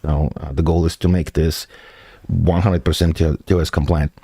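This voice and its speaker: Low-voiced man explaining code, dry sound. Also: flat delivery, moderate pace, mellow, slightly rough, dry recording. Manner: methodical, answers viewer questions, frequent hesitations. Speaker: software developer streaming his project. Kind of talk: live stream tech walkthrough.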